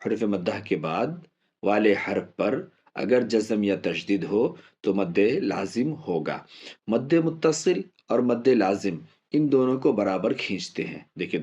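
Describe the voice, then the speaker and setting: Man, reading teacher, patient step-by-step lesson, syllables drawn out slowly, mellow voice, dull lo-fi recording. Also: lowish voice, animated, breathy edge. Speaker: Quran recitation teacher.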